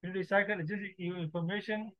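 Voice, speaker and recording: He's a forex trading teacher, a man with a high voice and fairly even intonation whose first language is Somali. His informal lesson comes out in halting, broken English full of repeated phrases, recorded dry and a little dull, lo-fi with no echo.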